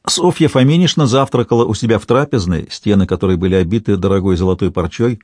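Brief: male narrator, calm measured historical-novel read, low voice, dry booth. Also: no echo. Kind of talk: scripted audiobook narration.

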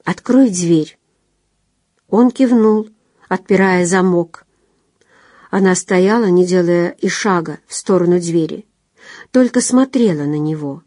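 Mellow-voiced woman narrating a story. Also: lowish voice, measured pace, dry recording, clean studio sound. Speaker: audiobook narrator. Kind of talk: scripted narration.

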